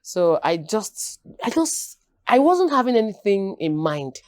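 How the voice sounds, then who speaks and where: A woman's voice: medium pitch, sing-song, unhurried, darkish tone, no room sound, studio quality. A Nigerian woman in her early forties, a podcast guest chatting casually and animatedly, joking and slipping into Pidgin. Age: early 40s. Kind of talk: casual interview chat.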